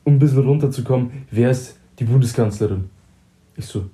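A man's voice: mid-range voice, fairly quick, warm tone. Young man telling a slangy story. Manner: slangy storytelling, acting out dialogue. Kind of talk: casual chat.

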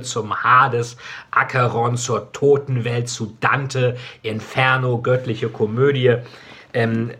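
Husky-voiced man reading his own novel. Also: mid-range voice, a bit bright. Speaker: author.

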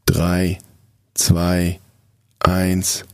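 A man narrating a scripted guided relaxation exercise in a soft, calm, soothing voice with measured, drawn-out instructions. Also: low-pitched, clean tone, no room sound, clean studio sound.

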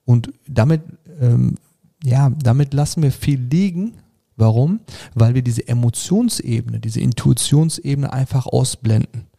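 A man's voice: mid-range voice, a little slow, gravelly, warm tone. A man speaking as a life coach, explaining his approach in casual conversation with frequent fillers and restarts. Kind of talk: casual interview talk.

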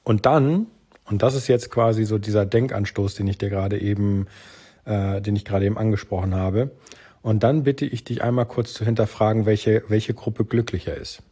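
A man's voice: fairly low pitch, steady tone, moderate pace, warm tone, slightly rough. A man hosting a solo podcast, speaking earnestly and directly to the listener as he thinks aloud. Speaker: podcast host.

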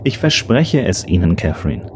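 A man playing a professor who reassures a patient in a measured, calm way. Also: sits low, background noise. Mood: urgent. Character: calm, soothing male professor.

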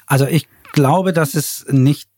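A man's voice: on the high side, a little slow, a little mellow. A man co-hosting a German tech podcast, easygoing and joking as he chats. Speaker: podcast co-host. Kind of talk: casual tech chat.

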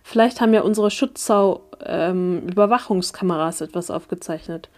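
A flustered middle-aged aunt, read out by a woman, speaks in a low murmur and trips over her own words. Her voice is mellow and dark, never loud. She sounds like she is hiding something from the children. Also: moderate pace, lightly acted. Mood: uneasy.

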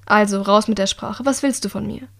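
A woman's voice: mid-range voice, fairly quick, creaky, fairly bright tone. A woman reading the part of a suspicious young woman student who questions bluntly and warily in an audiobook.

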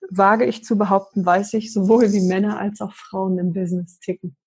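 A middle-aged Berlin woman with a mellow, husky, mid-range voice is a guest in a conversational interview. She explains her work as a leadership coach in a measured, articulate way, calm and steadily confident, with the occasional filler.

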